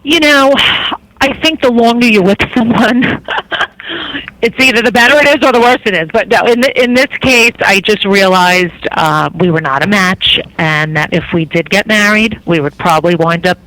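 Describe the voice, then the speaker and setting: A woman's voice: mid-range voice, normal speed, a bit bright, no echo, rough recording. A woman in her forties with a Long Island accent, talking candidly as an interview guest and repeating phrases for emphasis. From Long Island, New York, USA. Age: 40s.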